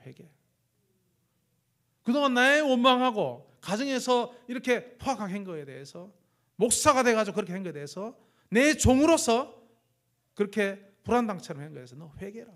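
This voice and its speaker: Animated high-voiced Korean preacher man. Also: brisk. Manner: lively storytelling, acts out his own and God's words. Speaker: missionary preacher. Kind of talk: sermon. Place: church sanctuary.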